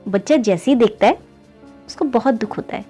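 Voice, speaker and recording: Over soft background music, a woman with a mellow voice narrates a moral story at a fairly quick clip. She speaks conversationally, keeps calling her listeners "friends," and lifts her pitch at each new turn of the tale.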